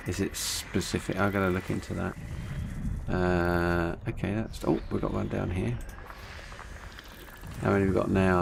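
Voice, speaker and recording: Low-pitched man, w-for-r speech impediment, rambling gameplay chat, clear background noise. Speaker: game streamer. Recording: clear background noise, vehicle-like game ambience.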